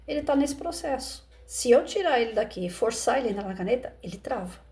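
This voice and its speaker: A woman's voice: fairly high pitch, animated, fast talker, a little mellow. A woman with a Brazilian Portuguese accent, an educator talking through a parable in a conversational way and asking rhetorical questions. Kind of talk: reflective commentary on a parable.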